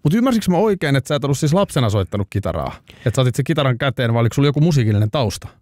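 A man's voice: medium pitch, big pitch swings, a little mellow, no room sound, clean studio sound. A Finnish man hosting a talk show, asking probing follow-up questions. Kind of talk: interviewing.

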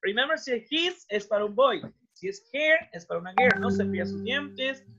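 In a very high voice with lively intonation, a man whose first language is Spanish speaks at normal speed while teaching kids English online. He repeats and translates each phrase encouragingly, mixing both languages. Background noise and dull, lo-fi video call audio accompany him.

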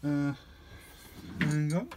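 A man's voice: fairly high pitch, fairly even intonation, drawn-out words, background noise. A man hosting a casual hands-on painting tutorial, thinking aloud in a self-deprecating way. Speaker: miniature painting video host. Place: indoor painting studio.

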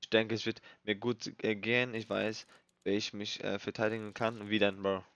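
A man's voice: lowish voice, little pitch movement, moderate pace, a bit bright, dry recording. A young man doing nervous, swearing let's play commentary in street slang, reading game text aloud as he plays. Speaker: gaming streamer. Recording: dull lo-fi mic, dry.

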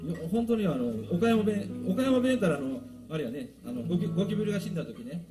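Chatty band leader with a Banshu accent. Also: male voice, high voice, animated, fast. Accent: Kansai, Banshu dialect. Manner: chatty, rambling, mimics local dialect. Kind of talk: casual stage talk at a live show. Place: outdoor park stage. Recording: live outdoor recording with guitar behind.

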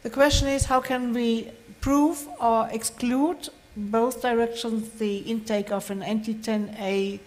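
A woman answering on a medical conference panel, explaining in a measured, methodical way in a large hall. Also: fairly high pitch, steady tone, a little mellow. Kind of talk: panel discussion. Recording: long hall reverb.

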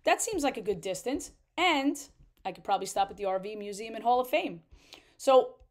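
A woman in her thirties who vlogs about RV travel walks through a trip-planning tool step by step in a screen-share tutorial. Her voice is fairly high, expressive and brisk, and her manner is chatty.

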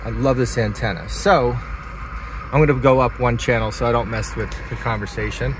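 A hobbyist vlogger with a steady, mid-range voice and moderate pace demonstrates something hands-on, casual and plainly enthusiastic. He's in a parked car and then a driveway, where car and outdoor sounds are clearly present.

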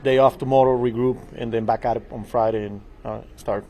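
A man in his forties answers reporters at a postgame press conference, his tone mellow and his delivery flat. He talks in a measured, halting way and repeats his words as he thinks. A faint room hum sits under the table mic. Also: medium pitch, low-quality recording. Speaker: baseball manager. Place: small press room before a sponsor backdrop. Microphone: table mic in front of him.

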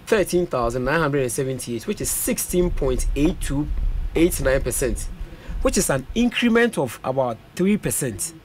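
Speaking into a studio mic on a boom, this young Ghanaian parliamentary hopeful mixes Twi and English and reels off vote counts during a radio interview. His medium-pitched voice sounds animated at a moderate pace. There's a faint bit of background noise.

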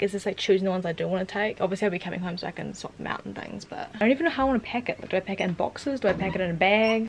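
Young female vlogger, New Zealand accent, chatty and rambling, mid-pitched voice, faint background hiss. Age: young adult. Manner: chatty, rambling, heavy use of "like" and "obviously". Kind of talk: casual vlog chat to camera.

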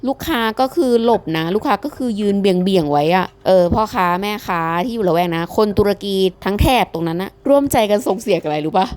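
A woman from Thailand chatting casually to her viewers, telling a lively gossipy story from her day. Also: medium pitch, brisk, hardly any pauses. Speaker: vlogger. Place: home kitchen.

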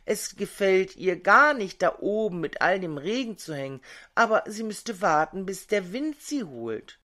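Woman voicing a bold little bird in a fairy tale, lively and slow. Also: mid-range voice. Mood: eager.

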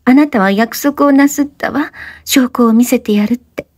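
A woman's voice: fairly high pitch, moderate pace, darkish tone, no room sound, studio quality, pitched above the performer's own voice, lightly acted. A woman doing a tearful, desperate young woman. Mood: pleading. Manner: pleading, breathless, sobbing.

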